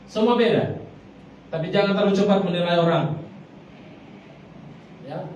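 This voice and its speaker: A man's voice: sits high, normal speed, darkish tone, highs cut off. A man preaching a sermon, speaking emphatically and often turning to address the congregation as brothers and sisters. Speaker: pastor. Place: large church hall. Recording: very echoey hall, mic far off, faint noise.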